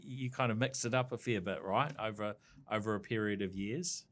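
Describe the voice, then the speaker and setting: A man's voice: fairly low pitch, moderate pace, a bit bright. A man with a New Zealand accent hosting a business podcast, friendly and loose, with many fillers and restarts. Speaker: podcast host. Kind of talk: podcast interview.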